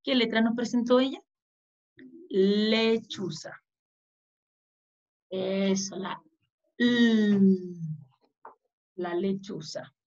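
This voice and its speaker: A woman's voice: medium pitch, normal speed, creaky, a little mellow, dull audio. A woman teaching an early-reading lesson to young children, patiently sounding out letters and words and asking them to read along.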